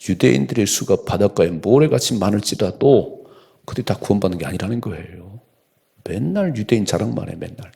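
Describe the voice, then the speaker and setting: A man's voice: fairly low pitch, expressive, fairly quick, gravelly, warm tone, slightly rough. A man preaching as pastor at an early-morning church service, exhorting his listeners with emphatic urging. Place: church sanctuary.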